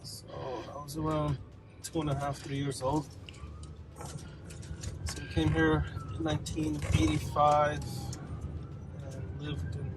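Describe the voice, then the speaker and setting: A man, answering interview questions in a relaxed, thoughtful way with many fillers. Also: fairly high pitch, takes it slowly, pauses often, over music, rough recording. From Bangladesh. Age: 30s. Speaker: business owner. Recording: loud traffic noise outdoors.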